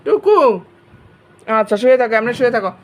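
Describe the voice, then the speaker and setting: A young woman from Bangladesh speaks to her pet cats in a high, doting baby-talk voice. She coaxes them gently and switches to firm scolding when they misbehave. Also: moderate pace. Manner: coaxing, doting and scolding by turns. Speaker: cat owner vlogger.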